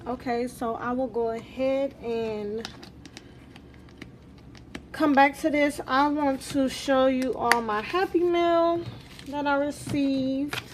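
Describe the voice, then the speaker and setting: A woman's voice: high-pitched, background noise. A woman vlog host chatting casually as she counts along, her articulation slightly altered by new braces. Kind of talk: casual chat while counting cash and cards.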